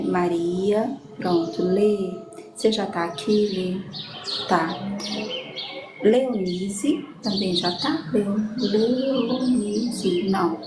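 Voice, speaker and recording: A medium-pitched woman leads a live-stream prayer session, taking prayer requests as a church leader and reading the names slowly and warmly. "Amém" and "né" come up often, and the echoey room has ambient noise.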